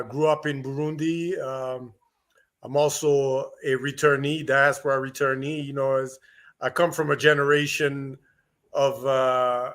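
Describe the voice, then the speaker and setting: Middle-aged male guest from Rwanda, bright tense tone, hesitant with fillers. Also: medium pitch. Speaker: guest entrepreneur. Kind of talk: interview answers.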